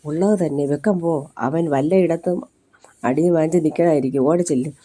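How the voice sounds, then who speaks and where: Blunt older mother read by the narrator, scolds freely, mellow voice, story reading. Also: mid-range voice, brisk, lightly acted.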